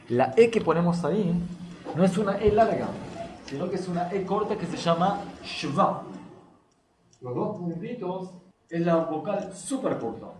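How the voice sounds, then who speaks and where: A man leads a lesson on a religious text. He reads a passage, then breaks it down and questions his listeners. His voice sits somewhat high, and a faint hiss runs under the recording. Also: a little mellow. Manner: reads passages aloud then explains them, asks the class questions. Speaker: rabbi teaching a text.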